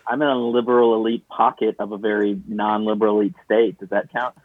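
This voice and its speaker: A young man chatting casually on a podcast, heard through low-quality remote call audio, rambling with frequent restarts. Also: flat delivery, brisk, dry recording. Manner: rambling, with many restarts and stammered repeats. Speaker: podcast co-host. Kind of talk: casual chat. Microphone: remote video call. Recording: tinny dry video-call line.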